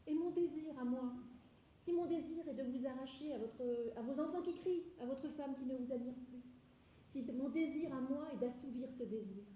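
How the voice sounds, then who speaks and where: A woman's voice: high voice, moderate pace, mellow, close to an everyday voice. A woman playing a bold, lovestruck, indignant young woman in a stage play, insistent and direct. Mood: ardent. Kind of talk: theatrical stage acting. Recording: echoey stage, distant, faint noise.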